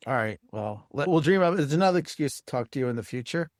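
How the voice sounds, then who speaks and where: A man's voice: mid-range voice, lively intonation, fast talker, no echo, studio quality. A man hosting a podcast interview, chatting casually and rambling with lots of fillers. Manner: rambling, many fillers like "you know". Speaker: podcast host.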